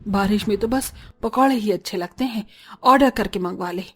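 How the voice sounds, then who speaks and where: A woman's voice: medium pitch, normal speed, soft background music, natural voice. A woman playing a haughty, cold mother. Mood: dismissive. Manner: cold, dismissive. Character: haughty middle-aged mother.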